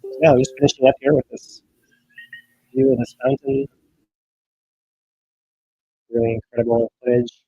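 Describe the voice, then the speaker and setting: A man's voice: mid-range voice, big pitch swings, moderate pace, creaky, long pauses, mellow, husky, dry recording, highs cut off. A man co-hosting a volcano update livestream, chatting loosely over eruption footage while his remote microphone sounds garbled and underwater. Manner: loose, rambling narration with restarts. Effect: garbled underwater-sounding bad microphone connection.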